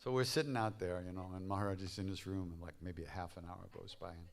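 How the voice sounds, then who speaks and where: A man leading a live devotional workshop, telling stories in a relaxed, anecdotal way and chuckling at his own tales. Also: low-pitched, fast talker, gravelly. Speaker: devotional chant leader and teacher.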